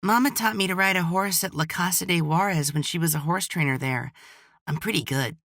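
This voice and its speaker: A man's voice: fairly high pitch, a little fast, sharp tone, no echo, clean studio sound, pitched above the performer's own voice. A man voicing an eager young boy in an audiobook, with a voice lifted well above his own.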